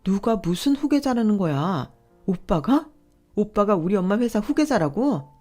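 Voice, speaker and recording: A woman voicing an angry wife who yells and hurls insults at her husband. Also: medium pitch, very animated, moderate pace, soft background music, voice pushed up. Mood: furious. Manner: yelling, scolding, sharp insults. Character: furious wife, adult woman, fed up.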